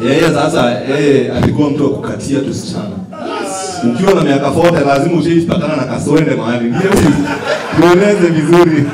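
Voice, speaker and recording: A man's voice: a little high, fast. A man with a Kenyan accent trading comic banter on a roast panel, speaking into a handheld mic. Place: small indoor bar stage. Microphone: handheld microphone. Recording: echoey venue, distant mic, crowd laughter.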